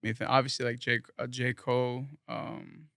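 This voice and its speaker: A man's voice: mid-range voice, level tone, normal speed, creaky, sharp tone, dry recording, clean studio sound. A young man from South Florida, a guest musician talking casually in an interview, rambling earnestly with lots of fillers.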